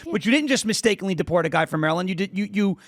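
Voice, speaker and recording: A man's voice: high voice, animated, racing, fairly bright tone, no echo, clean studio sound. A man in his thirties from New York, talking through a point in a casual political discussion and checking in with "right?" as he goes. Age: 30s. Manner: explains with everyday examples, asks rhetorical "right?". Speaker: podcast panelist.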